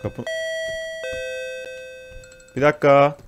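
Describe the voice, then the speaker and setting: A young gaming YouTuber gives let's play commentary over a horror game, his mid-range voice flat in pitch and extremely slow. He swears, then apologizes to his viewers, and panics and shrieks when scared. The recording is muffled, with music in the background.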